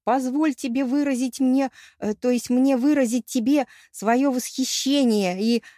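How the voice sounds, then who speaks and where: Woman doing a loud, pompous dim-witted demigod hero. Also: high-pitched, fairly even intonation, measured pace, no echo, studio quality, voice pushed up. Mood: pleading. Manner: pompous, declaiming, flustered.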